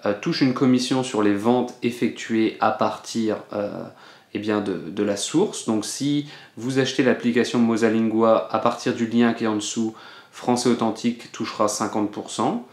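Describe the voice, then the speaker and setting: A man's voice: on the low side, fairly even intonation, moderate pace, a little mellow. A man teaching French in a casual video lesson, explaining patiently with frequent hesitations. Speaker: French teacher, channel host. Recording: roomy echo.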